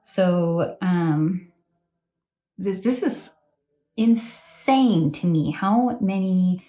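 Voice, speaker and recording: A tired woman talks through a tarot reading in a loose, rambling way, full of ums and self-corrections. Her voice sits a little low and sounds mellow and soft. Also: very slow. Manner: chatty, rambling, many fillers and self-corrections. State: tired, late at night. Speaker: tarot reader. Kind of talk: casual spoken tarot reading.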